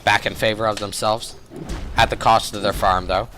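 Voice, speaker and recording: Hoarse, excitable young game caster. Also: male voice, lowish voice, normal speed, faint music behind. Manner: excitable, rambling, self-correcting. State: hoarse from a cold. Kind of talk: live video game commentary.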